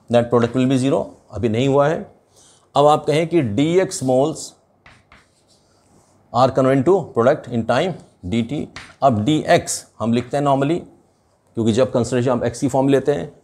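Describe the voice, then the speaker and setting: An older Indian-accented man explains chemistry at the board, his mid-range voice a little mellow. He takes his time, speaking deliberately and shifting between English and Hindi.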